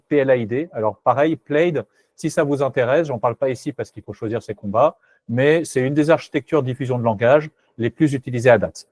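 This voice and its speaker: A man's voice: mid-range voice, darkish tone, no room sound. A man presenting a technical webinar, hesitant and self-correcting, candid and skeptical in tone.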